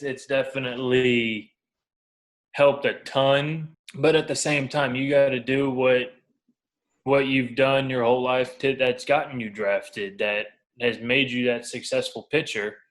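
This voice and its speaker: In this interview, the pitcher, a man in his twenties who plays ball professionally, keeps a measured pace and a steady, medium-pitched tone. His talk is casual and frank, full of colloquial, anecdotal phrasing.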